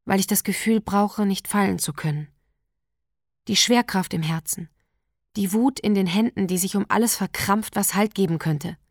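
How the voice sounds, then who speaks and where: A woman narrating a literary text in a quiet, measured, intimate way. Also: mid-range voice, slightly rough, no echo, clean studio sound. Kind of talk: literary reading.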